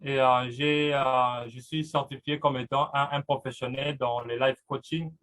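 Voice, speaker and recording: A man's voice: medium pitch, level tone, normal speed, a bit bright. A man in his twenties speaking as a panelist, hesitant with many fillers. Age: 20s. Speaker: panelist, fitness project founder. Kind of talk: online panel talk.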